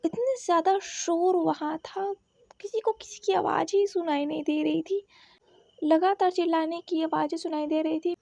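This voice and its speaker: A woman narrates a tense story with a very high voice, leaning on repeated phrases for drama. The recording is close and dry, with no room sound. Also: steady tone, moderate pace, a little mellow, dry recording, lo-fi sound. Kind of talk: dramatic fan fiction narration.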